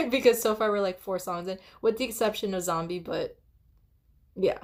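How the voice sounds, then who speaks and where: A woman musician giving casual reaction commentary on an album, excitable and analytical, now and then humming or singing along. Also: mid-range voice, moderate pace. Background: the reviewed song playing loudly.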